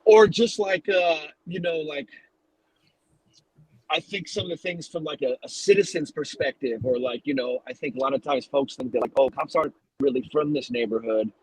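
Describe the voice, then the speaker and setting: A man's voice: a little high, moderate pace, husky, dry recording, low-quality recording. A man hosting a podcast, asking long, searching, rambling questions in a casual interview. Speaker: podcast host.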